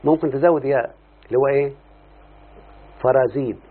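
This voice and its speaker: A husky-voiced man teaches a grammar lesson. He keeps asking his listener questions as he explains. The sound is thin and muffled, like a phone line. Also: medium pitch, quick pace. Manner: questioning, repeatedly addressing the listener. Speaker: teacher of Arabic morphology. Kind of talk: classroom lesson explaining a text.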